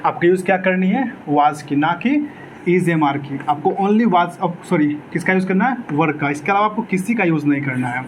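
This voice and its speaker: A man's voice: high-pitched, expressive, moderate pace, a little hiss or hum, low-quality recording. A man teaching an exam-prep English grammar lecture, asking his own questions and answering them, repeating key words.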